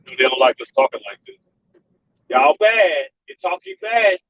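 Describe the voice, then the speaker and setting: A man's voice: high-pitched, sing-song, normal speed, gravelly, fairly bright tone, slightly rough, far from the mic, lo-fi sound. A man vlogging live from his car, talking casually and calling on his viewers to reply. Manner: chatty, keeps calling on viewers. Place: in a car while driving.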